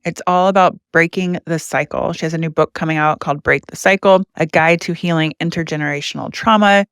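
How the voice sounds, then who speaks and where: A woman's voice: sits low, a bit bright, clean tone, dry recording, clean studio sound. A woman hosting a podcast, talking in an upbeat, chatty way as she opens the show and asks her guest questions. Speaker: podcast host. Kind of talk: casual podcast interview.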